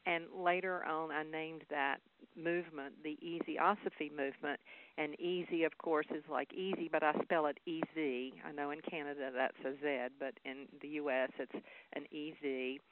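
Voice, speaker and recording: A woman's voice: deep voice, steady tone, moderate pace. A woman with a Southern US accent, a guest speaker talking earnestly and laughing easily in a phone interview. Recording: tinny phone line.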